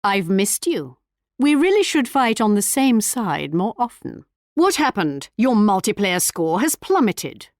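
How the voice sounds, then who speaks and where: A woman's voice: mid-range voice, no room sound, clean studio sound. A woman playing a haughty, sly English queen in a video game, with a regal, arch and mock-polite manner. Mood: courteous. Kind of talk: video game character voice lines.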